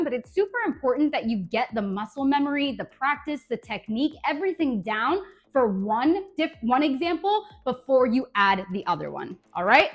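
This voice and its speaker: A woman teaching a dance tutorial in an upbeat coaching manner, counting beats aloud. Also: high-pitched. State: out of breath at times. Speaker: dance instructor.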